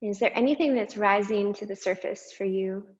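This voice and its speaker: A woman guiding a meditation and breathing exercise, speaking slowly and softly with long pauses. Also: medium pitch, lo-fi sound. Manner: slow, soft and unhurried with long pauses. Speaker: meditation guide. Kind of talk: guided meditation.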